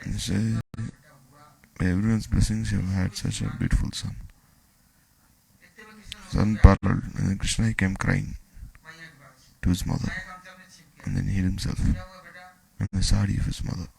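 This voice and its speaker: A man gives a devotional talk. His low voice is heavily gravelly. He retells scripture stories, voicing the dialogue as he goes. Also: moderate pace, long pauses, darkish tone, rough recording. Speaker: spiritual teacher.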